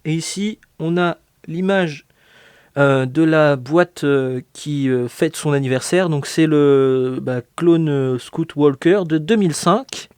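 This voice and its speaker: A man's voice: on the high side, takes it slowly, darkish tone, clean tone, no room sound, clean studio sound. A man giving a casual unboxing commentary as a LEGO reviewer, hesitant and full of fillers, with a joking aside now and then. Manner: hesitant, many fillers, jokey.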